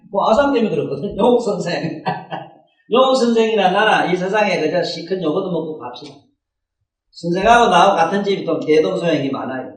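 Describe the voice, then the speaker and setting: A man with a Gyeongsang accent giving a Buddhist sermon in a folksy, rhetorical way, often prodding listeners with "eh?" questions. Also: high voice. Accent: Gyeongsang Korean. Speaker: Buddhist dharma teacher. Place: dharma hall. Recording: echoey room, distant mic.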